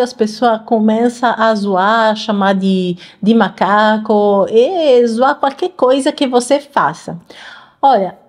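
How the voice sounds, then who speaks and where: A woman's voice: medium pitch, a little mellow. A woman hosting a reaction video, explaining things in casual chat and repeating words while she searches for the right one. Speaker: channel host reacting to clips.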